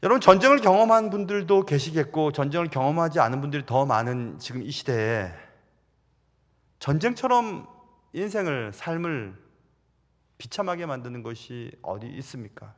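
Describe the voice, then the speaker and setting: A middle-aged man preaching a Sunday sermon, telling stories with sudden loud rises and soft drops. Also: a little high, sing-song, normal speed, long reverb tail. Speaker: pastor. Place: large church sanctuary.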